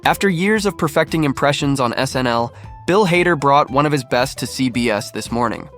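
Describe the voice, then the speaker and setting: A man reads a scripted comedy compilation in an even, upbeat storytelling tone. His voice sits at a middling pitch, and a faint music bed plays under it. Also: a little fast. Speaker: narrator. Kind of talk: scripted narration.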